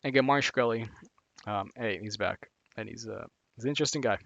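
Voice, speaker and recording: The recording is muffled but echo-free, capturing a brisk man with a mid-range, fairly bright voice and vocal fry. Live on stream, he rambles casually through finance reading resources, restarting often and leaning hard on fillers like "like" and "again."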